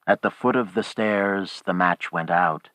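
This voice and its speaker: A man narrating a horror audiobook in a measured, grave manner. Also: low-pitched, sharp tone, no echo.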